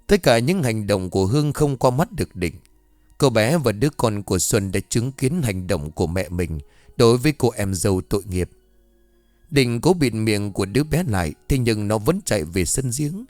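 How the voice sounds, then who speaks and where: A man narrating a scripted ghost story with a dramatic, expressive reading. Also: lowish voice, no room sound. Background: faint music.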